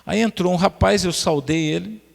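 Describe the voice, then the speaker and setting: A man preaching from the pulpit, spinning funny anecdotes and calling out to his brothers in the pews. His voice is gravelly and sits a little high. A long church reverb trails after every phrase. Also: moderate pace. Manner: lively storyteller, addresses the congregation as brothers. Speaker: pastor. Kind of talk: sermon with humorous personal anecdotes. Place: church sanctuary.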